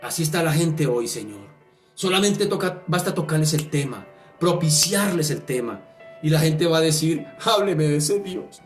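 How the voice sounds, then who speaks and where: A man's voice: fairly high pitch, expressive, normal speed. A man, a pastor leading a fervent, repetitive pleading prayer and sermon. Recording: echoey room with faint music.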